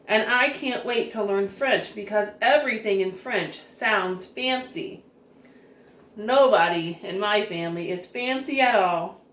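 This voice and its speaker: Reading aloud for young kids, this storyteller uses a mid-range, slightly bright voice at a measured pace, enunciating expressively with care. A distant microphone leaves a roomy echo on the recording.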